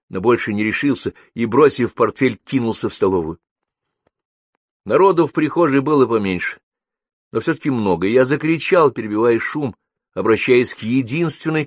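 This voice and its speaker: A man reads a first-person story aloud as an audiobook, in a measured storytelling manner. His voice sits fairly low. The recording is dry and close, with no room sound. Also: dry recording. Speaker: narrator. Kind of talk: audiobook narration.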